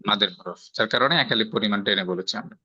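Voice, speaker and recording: Bright-voiced Bangladeshi man teaching recitation. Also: on the low side, quick pace, slightly rough, no room sound. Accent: Bangladeshi Bengali. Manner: explains step by step, checks for understanding with rhetorical questions. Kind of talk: patient tajweed lesson, quizzing a student. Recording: slightly dull, dry lo-fi sound.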